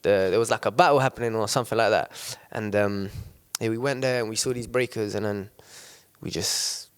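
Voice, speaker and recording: A man's voice: on the low side, clear, resonant tone. A man speaking hesitantly as an interview guest, stopping and restarting. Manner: hesitant, halting, many restarts. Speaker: crew member guest. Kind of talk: casual storytelling. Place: small DIY studio.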